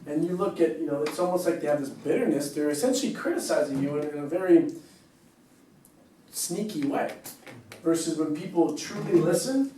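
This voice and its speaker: A man's voice: on the high side, moderate pace, mellow, slight background noise. Upbeat man in an echoey room. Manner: rambling, upbeat, laughs easily. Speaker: personal trainer leading a staff talk. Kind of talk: casual chat. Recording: echoey room, mic far off.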